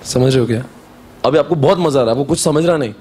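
A man teaching a classroom lecture in Hindi and English, sternly urging students to study, then reading exam questions aloud slowly. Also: medium pitch, darkish tone, slight background noise.

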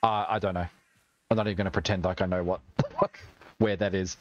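A man's voice: low voice, steady tone, fast, highs cut off, slight background noise. A young Australian man streaming a video game, chatting, joking and swearing as he plays. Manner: chatty, swears and jokes while playing. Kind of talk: gaming livestream commentary.

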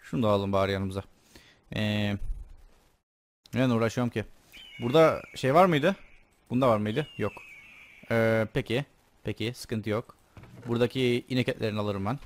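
A young man giving casual, joking commentary while playing a game, chatting to himself and swearing playfully. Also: on the low side. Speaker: gaming YouTuber. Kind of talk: casual Let's Play commentary.

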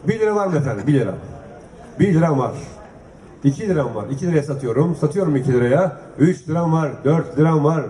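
A man's voice: on the high side, mellow. A man working as a live auctioneer, calling out bids in a repetitive chant. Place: public festival stage with audience. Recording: echoey, noisy live event venue.

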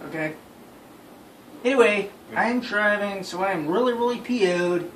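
Speaking at a measured pace in a high, slightly bright voice, this young man casually recounts a story to friends, exasperated and emphatic, repeating himself often. A phone camera on the far side of a small bedroom picks him up, giving a roomy, noisy, distant sound.

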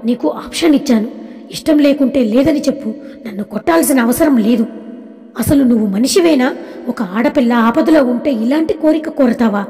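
A woman's voice: high-pitched, normal speed, mellow, long reverb tail, close to an everyday voice. A woman narrator reading the lines of a crude, arrogant rich man in a cold, bargaining way. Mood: indignant.

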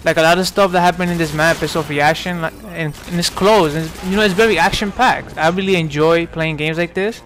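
Speaking briskly with barely a pause, a twenty-something New York man narrates his gameplay in a rambling, casual way, stumbling over fillers and restarts. The voice is highish and fairly bright with fairly even intonation, and there's slight noise behind it.

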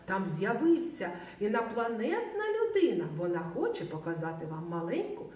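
A woman teaching a lesson to preschool children in a sing-song way, slowly drawing out sounds. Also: medium pitch, big pitch swings, darkish tone. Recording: roomy, from a distance.

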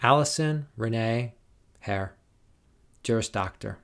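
A man formally reading out graduates' names and degrees at a commencement, in a slow, measured, deliberate way. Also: mid-range voice, gravelly, fairly bright tone. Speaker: commencement name reader.

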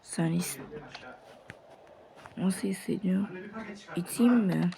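A woman playing a sandbox game and giving its characters voices, moving between hushed threats and high panicked pleas. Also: slow, gravelly. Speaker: game player.

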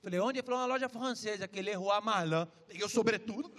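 A Brazilian man doing a crude, jokey stand-up set on a comedy club stage, telling stories and switching voices fast. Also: sits high, a bit bright, big-room sound. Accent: Brazilian Portuguese. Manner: brash, crude, jokey storytelling with quick voice switches. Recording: stage recording with crowd and room noise.

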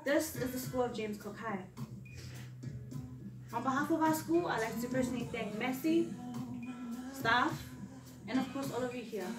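A teenage girl from Samoa gives a measured, earnest speech with a slightly high voice. She is picked up by a distant camera in an echoey classroom. Loud music plays behind her. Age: teens. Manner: earnest, measured declamation with rhetorical repetition. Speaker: student speaker. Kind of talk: prepared formal speech. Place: large classroom, standing at front. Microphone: far camera.

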